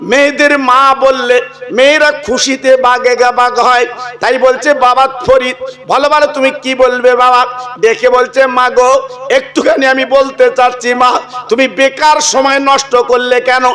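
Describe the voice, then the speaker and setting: A male preacher tells a story in a sermon and acts out the dialogue, with asides to his listeners. His voice sits very high and rings bright. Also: level tone, measured pace.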